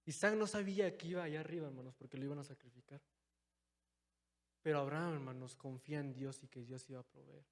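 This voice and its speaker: A young man preaching a sermon in a church, calling his listeners brothers and moving between loud, stressed phrases and quiet, low asides. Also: fast talker. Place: church hall. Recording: long hall reverb.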